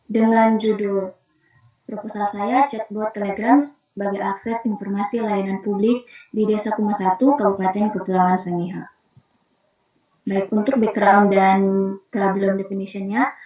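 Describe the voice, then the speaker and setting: A young woman reads through a formal thesis proposal presentation at a steady, orderly pace and stops now and then to correct a word. Her voice sits in the middle of the range. It comes over a video call with a noticeable roomy echo. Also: medium pitch. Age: young adult. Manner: methodical, steady, occasional self-corrections.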